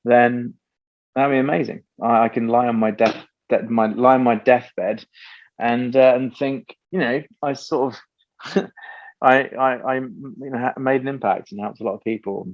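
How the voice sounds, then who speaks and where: Animated man on dull lo-fi audio. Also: mid-range voice, normal speed. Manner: animated, laughing, tangential. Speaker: guest, company founder. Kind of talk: casual interview conversation.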